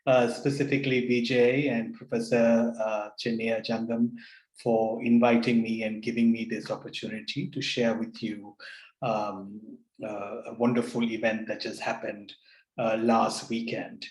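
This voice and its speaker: A man's voice: on the low side, little pitch movement, unhurried, a little mellow. Hesitant man speaking in an echoey room. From Sri Lanka. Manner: earnest, hesitant with many fillers. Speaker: panel speaker. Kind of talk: online panel talk. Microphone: video call.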